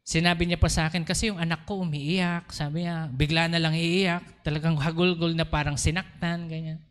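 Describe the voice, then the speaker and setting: A man's voice: a little high, little pitch movement, moderate pace, fairly bright tone, smooth. A man preaching a sermon as pastor, telling a story and mixing Tagalog with English. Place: church.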